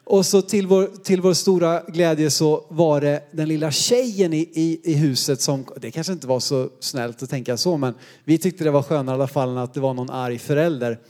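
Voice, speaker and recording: Pitched on the high side and a little mellow, this man's voice runs on with hardly any pauses. A Swedish preacher in his thirties, he fills his sermon with personal anecdotes, self-deprecating and humorous, drawn from his boyhood.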